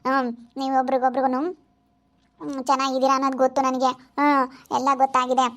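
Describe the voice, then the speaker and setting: A woman's voice: high voice, monotone, fast, lightly acted. A woman playing a jealous village wife who scolds and threatens in a skit. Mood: scolding. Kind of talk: skit acting.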